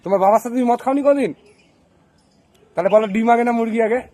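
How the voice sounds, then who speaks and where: A man's voice: very high voice, fast talker, dark tone, no echo. A man from Bengal running a prank interview, teasing and repeating the same question over and over.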